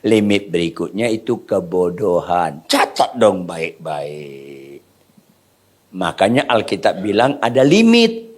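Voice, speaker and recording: A man preaching a sermon to a congregation, joking in casual slang and quizzing his listeners with questions. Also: medium pitch. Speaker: pastor.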